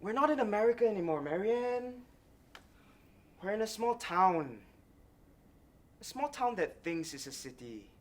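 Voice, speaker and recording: A man's voice: sits high, very animated, measured pace, pauses often. A man playing a sardonic bitter husband. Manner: sarcastic, biting. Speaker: actor in a student stage play. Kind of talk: stage acting.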